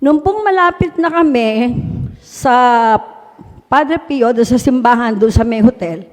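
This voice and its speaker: A woman's voice: high voice, unhurried, a little mellow. Earnest woman telling a testimony in a hall. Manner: polite, earnest storytelling with frequent respectful particles. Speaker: mayor giving a testimony. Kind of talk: personal testimony speech to an audience. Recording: long hall reverb.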